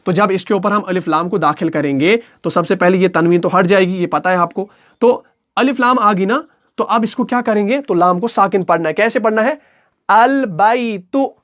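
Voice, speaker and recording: High-voiced man teaching recitation rules. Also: fairly bright tone. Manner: patient, repetitive, asks and answers his own questions. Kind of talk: explanatory recitation lesson.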